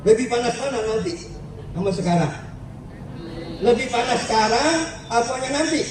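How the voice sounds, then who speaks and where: High-voiced preacher, echoey and distant. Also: male voice, normal speed, noisy background. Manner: lively, asks the children questions, repeats words. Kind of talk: sermon storytelling to schoolchildren. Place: school event. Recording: echoey, far from the mic, faint ambience.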